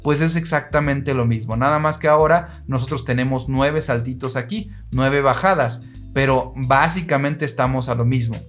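A man with a mid-range voice gives an engineering lesson in a patient, steady manner. He speaks straight to the viewer and walks them through each step. Soft music plays faintly behind him. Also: medium pitch, moderate pace. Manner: patient, steady, addresses listener directly. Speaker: engineering teacher. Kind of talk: explaining structural diagrams.

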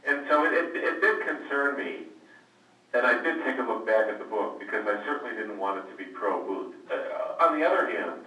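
A man's voice: on the low side, expressive, normal speed, pushed and bright. A man, an author answering questions on a conference call, telling stories with frequent hesitant restarts and repeated words. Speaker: author guest. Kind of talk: conversational storytelling on a conference call. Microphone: conference call line. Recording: echoey, distant, faint noise.

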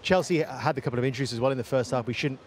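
A man presenting football coverage pitchside, with brisk, polished links. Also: a little hiss or hum. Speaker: television presenter. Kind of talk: broadcast presenting. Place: outdoors pitchside at a stadium.

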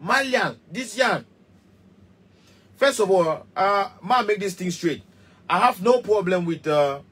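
A Cameroonian musician in his thirties, speaking with a Pidgin English accent, rants heatedly to camera from a small studio. He is passionate, emphatic, and repetitive, gesturing as he talks, and his voice sits on the high side, husky and a bit bright.

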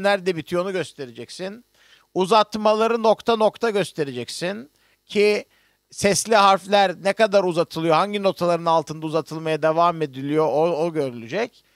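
A man with a fairly high voice teaches music notation online, walking through each step as he works on screen. He hesitates often with drawn-out fillers. The sound is dry and close, with no room echo. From Turkey. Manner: explains step by step while working on screen, with many hesitations. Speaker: music professor.

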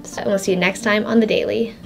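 A woman's voice: medium pitch, fairly even intonation, fast talker, creaky, over music. A young woman, a student sports news anchor, reading the desk script, tripping over words and laughing at herself. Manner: giggly, self-mocking, trips over words.

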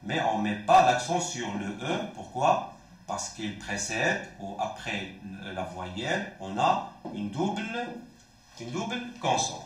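A man's voice: mid-range voice, very animated, slow. A man with a Moroccan accent teaching a primary French lesson, repeating words and asking questions he answers himself. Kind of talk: classroom lesson. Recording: very echoey room.

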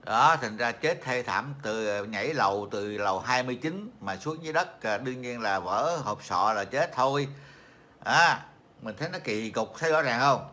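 A middle-aged Vietnamese man hosts a casual livestream chat, rambling and mocking with plenty of fillers and repeated words. His medium-pitched voice is expressive, pushed, and bright, at a normal speed.

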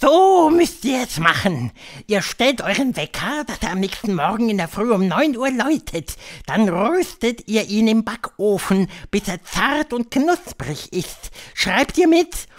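A man reading an audiobook, voicing an imperious female witch leader who lectures in a shrill, drawn-out way. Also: sing-song. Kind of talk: audiobook character voice.

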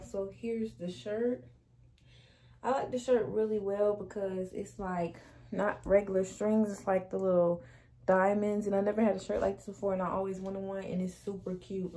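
A woman's voice: mid-range voice, warm tone, poor audio. A young woman, chatting through a clothing try-on haul in her bedroom, sassy and full of slang. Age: young adult. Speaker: fashion vlogger. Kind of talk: casual try-on haul chat. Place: small bedroom indoors. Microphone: camera across the room.

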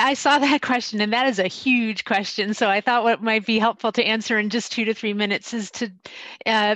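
Female professor on a video panel; low-pitched, dry close sound, discursive and thoughtful. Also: fairly bright tone, dry recording, low-quality recording. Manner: thoughtful, rambling, with restarts. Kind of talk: panel answer.

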